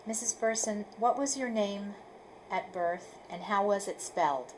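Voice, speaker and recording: Formal woman interviewer with measured questions. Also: mid-range voice, slight background noise, low-quality recording. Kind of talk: oral history interview questions.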